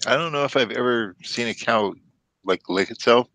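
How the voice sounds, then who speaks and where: A man's voice: medium pitch, moderate pace, fairly bright tone, dry recording. A man hosting a casual group voice chat, joking and loose, with some swearing. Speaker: host.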